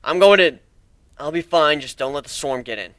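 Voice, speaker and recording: A man's voice: on the high side, expressive, normal speed, fairly bright tone, clean tone, no echo, clean studio sound. A man voicing a bold, battle-hardened griffin fighter who barks orders in a fantasy story reading. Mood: commanding, steady.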